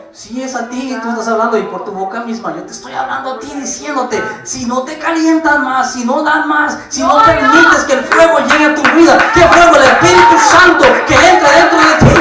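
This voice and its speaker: A man preaching a church sermon, moving between hushed pleading and shouted exhortation. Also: extremely high pitch, recorded from a distance. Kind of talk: Spanish-language church sermon. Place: church sanctuary with congregation. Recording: echoey church recorded from afar.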